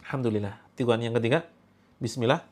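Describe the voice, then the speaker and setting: A man's voice: medium pitch, a little mellow. Man guiding a healing prayer. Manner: chants the call to prayer slowly, then gives quick instructions and stern commands. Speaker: spiritual healer leading a ruqyah session. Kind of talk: guided prayer and healing instruction.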